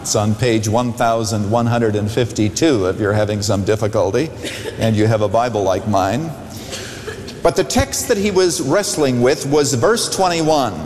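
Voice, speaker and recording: A man pastor preaching a sermon at a pulpit microphone, telling a story with an expressive, storytelling delivery. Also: a little high. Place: large church sanctuary. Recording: echoey church hall with long reverb.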